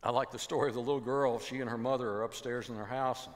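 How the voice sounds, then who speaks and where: A man's voice: medium pitch, fast talker. An older man preaching a sermon in a church, telling stories and acting out the voices of the people in them. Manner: animated storytelling, acting out voices in quotes, dropping to a hushed voice. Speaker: pastor. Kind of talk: sermon with storytelling. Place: large church sanctuary with choir behind. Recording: long hall reverb.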